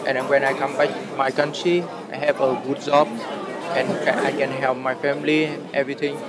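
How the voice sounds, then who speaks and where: Male student, halting and monotone; loud crowd behind. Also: mid-range voice. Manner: halting, breaks off words. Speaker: international student. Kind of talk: interview answers.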